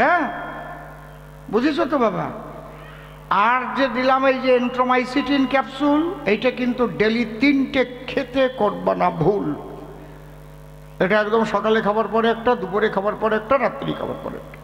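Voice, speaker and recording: A man playing a patient, fussy village doctor who talks through dosing slowly and keeps checking he's understood. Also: very high voice, gravelly, fairly bright tone, highs cut off, exaggerated voice. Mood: coaxing. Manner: slow, coaxing instructions with checks for understanding. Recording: echoey hall with faint music.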